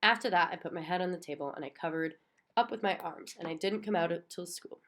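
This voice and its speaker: Female reader, children's book, expressive storyteller, lower register. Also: quick pace. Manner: expressive, childlike first-person narration. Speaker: audiobook reader. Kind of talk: reading a children's book aloud.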